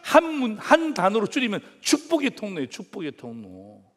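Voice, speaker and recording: A man's voice: high-pitched, wildly swooping pitch, normal speed. A man pastor delivering a sermon, preaching emphatically and asking the congregation rhetorical questions. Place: church sanctuary. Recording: reverberant church hall with faint music.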